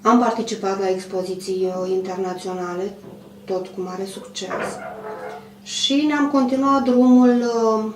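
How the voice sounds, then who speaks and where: A woman in her fifties who runs a clothing manufacturer, answering an interview in a measured, hesitant way with many pauses. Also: medium pitch. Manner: measured, hesitant, frequent pauses and throat clearing. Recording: roomy, distant mic, faint hum.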